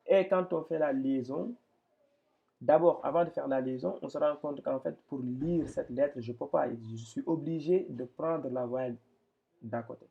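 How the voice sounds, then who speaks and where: A man's voice: fairly high pitch, measured pace, vocal fry, dull audio. A man teaching a lesson, explaining step by step with patient repetition and frequent restarts. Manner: patient, repeats and restarts often. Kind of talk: explaining Arabic reading step by step.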